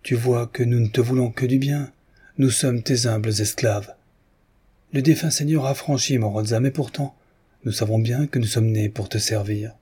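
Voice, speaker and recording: A man reading aloud, voicing a sly, calm peasant woman who speaks quietly and insinuatingly. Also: mid-range voice, moderate pace, slightly rough. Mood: falsely humble.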